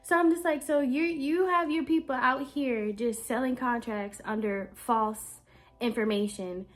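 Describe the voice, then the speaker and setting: A woman, telling a casual storytime rant and acting out both sides of the dialogue, indignant and animated. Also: on the high side, measured pace. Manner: animated, quotes herself and others in dialogue, indignant. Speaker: vlogger.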